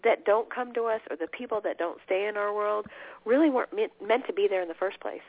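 A woman speaking as a guest coach in a conversational interview, earnest and emphatic, her voice croaky with a cold. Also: medium pitch, brisk. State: has a cold. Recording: tinny phone line.

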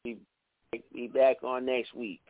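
A man's voice: mid-range voice, little pitch movement, slow, no room sound. Middle-aged man calling in by phone. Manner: earnest, recites a poem then chats with restarts. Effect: heard over a phone line on a radio call-in show. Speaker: radio show caller and poet. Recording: tinny phone line, dry.

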